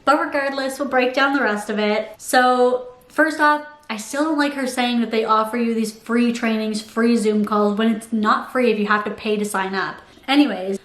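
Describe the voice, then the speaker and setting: A woman's voice: on the high side, a bit bright. A woman giving casual, critical commentary, informally arguing her case point by point as a video host. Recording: roomy, echoey sound.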